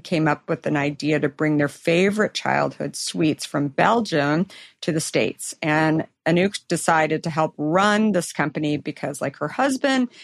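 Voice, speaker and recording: A middle-aged woman with a lowish voice hosts an interview podcast, introducing her guest effusively and with lots of fillers. The recording is dry and close, with no room sound at all.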